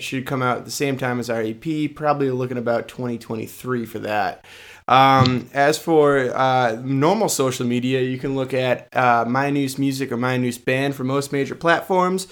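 Man, mid-range voice, casual podcast chat, mock-earnest, jokey. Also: mid-range voice. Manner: joking, mock-earnest plugging. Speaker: podcast panelist.

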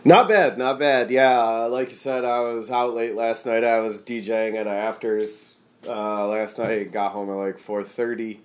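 An American man chatting casually as a podcast guest in a laid-back stoner manner, high and a little tired. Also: steady tone, normal speed. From Michigan, United States. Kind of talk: casual chat.

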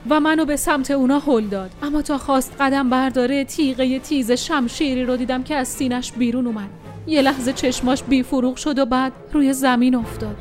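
A woman narrating an adventure story in the first person, with expressive, dramatic delivery. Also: high-pitched. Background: faint music.

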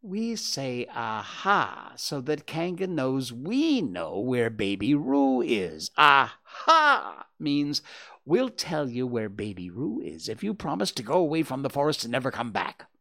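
A storyteller voicing a bossy, self-important, scheming rabbit in a children's storybook, with a deliberate, pompous manner. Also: mid-range voice, huge pitch swings, fairly bright tone, heavily acted. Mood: scheming, superior.

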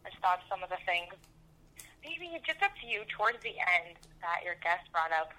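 Bright, lively woman over the phone. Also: lowish voice, normal speed. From Pennsylvania. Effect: heard over a phone line. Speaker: listener calling in.

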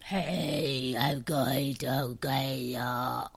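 A woman putting on a deep, forced demonic voice, playing a growling demon in a casual chat. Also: steady tone, extremely slow, slightly rough, full character voice. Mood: mock menacing.

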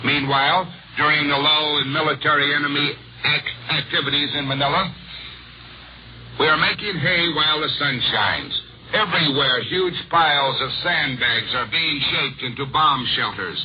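A man delivers a formal 1940s radio news report like an old-time announcer, his voice a little high. The sound is a muffled vintage shortwave broadcast with faint noise behind it. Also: moderate pace. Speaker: radio war correspondent.

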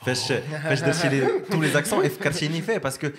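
A man's voice: on the high side, racing, over a noisy crowd. A man with a Moroccan accent, hosting a podcast in casual chat and telling stories animatedly, mixing in French. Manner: animated storytelling, mixing French into his speech.

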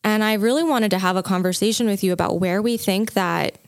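A woman's voice: medium pitch, brisk, gravelly, no echo, studio quality. A woman co-hosting a podcast, talking thoughtfully and asking curious questions. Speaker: podcast co-host. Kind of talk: casual chat.

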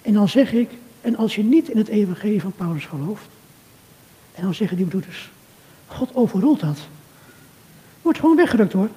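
An older man giving an earnest, measured sermon talk, speaking directly to a churchgoer. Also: sits high, lively intonation, mellow. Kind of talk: reflective sermon talk addressed to a listener. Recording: long reverb of a hall.

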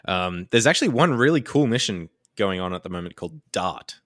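A man chatting casually on a podcast, explaining things with lots of fillers like "like" and "um," often laughing and picking up energy when excited. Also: sits low, fairly quick, no room sound, clean studio sound. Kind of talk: casual chat.

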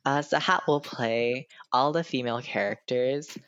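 Casting: female presenter, casual and unhurried, dull recording with clear noise. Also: very deep voice. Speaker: presenter announcing the cast. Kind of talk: casual chat.

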